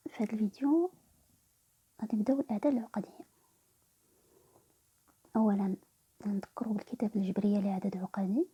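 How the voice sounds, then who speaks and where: A woman's voice: fairly high pitch, breathy edge, lo-fi sound. A woman with a Moroccan Arabic accent, whispering a math lesson and explaining each step in turn. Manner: whispers nearly every line, explaining step by step. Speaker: math teacher.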